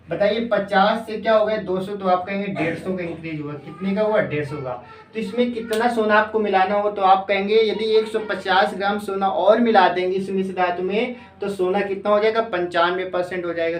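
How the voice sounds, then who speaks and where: A coaching-class teacher giving an exam-prep math lesson, asking questions and answering them, repeating phrases slowly as if dictating. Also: medium pitch, far from the mic. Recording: echoey room, voice off-mic.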